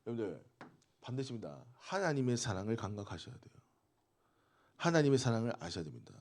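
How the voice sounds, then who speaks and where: A man gives a sermon to a youth group, his pitch rising and falling in a lively way. He talks with the teens more than at them and keeps asking them questions. His voice sits at a middle pitch. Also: fast. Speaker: youth pastor.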